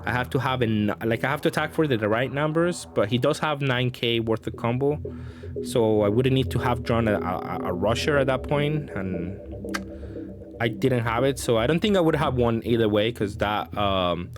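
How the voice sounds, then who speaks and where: A man gives casual, improvised commentary on his own card game, thinking aloud hesitantly and often trailing off. His voice is medium-pitched at a moderate pace, with background music playing.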